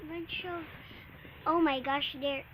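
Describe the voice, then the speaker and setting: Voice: sits high, steady tone, slow pace, bright, forceful tone, a little hiss or hum, low-quality recording. A young-sounding co-player chatting casually during an online game.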